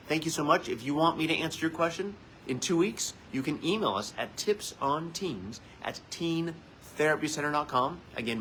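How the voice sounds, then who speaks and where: A man who works as a family therapist speaks to parents in an earnest, conversational way, often leaning on "so" and "you guys." His voice sits at a mid pitch and has a bright, forward edge. A faint hum of noise sits behind him. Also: rough recording. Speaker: licensed marriage and family therapist; host of a weekly parenting tips segment. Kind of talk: casual spoken advice to parents.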